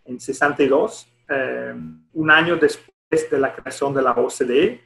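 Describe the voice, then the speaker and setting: Presenting formally in a non-native language, this deputy director at an international organisation, a middle-aged man from Italy with an Italian accent, frequently searches for words. His medium-pitched voice is unhurried and fairly bright, with some vocal fry, over soft background music. The video call, taken on a headset, has a roomy echo.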